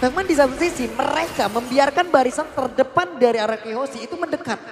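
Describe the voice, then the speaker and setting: Fast, high-pitched Indonesian man co-commentating esports. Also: noisy background. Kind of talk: live co-commentary and analysis of a mobile game match. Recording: echoey hall, loud music behind. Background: music.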